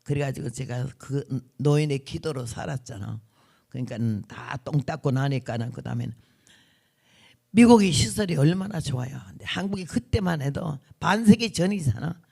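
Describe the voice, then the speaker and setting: A woman's voice: low-pitched, expressive, moderate pace, gravelly, mellow, slightly rough. A woman in her seventies, a missionary revival preacher, telling her testimony in a vivid, blunt, folksy way, acting out what people said. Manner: vivid, blunt, folksy storytelling with acted quotes. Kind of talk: sermon testimony storytelling.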